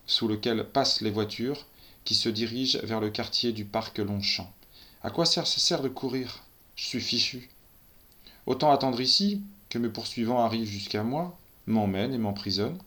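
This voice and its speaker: A man's voice: medium pitch, pushed and bright. Man narrating a tense first-person story.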